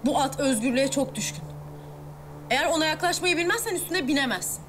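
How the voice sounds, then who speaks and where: An actress playing Zeynep, a proud young woman who stands her ground with sharp, firm words. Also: sits high, animated, fairly quick, music in the background. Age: young adult. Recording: TV drama with loud score underneath.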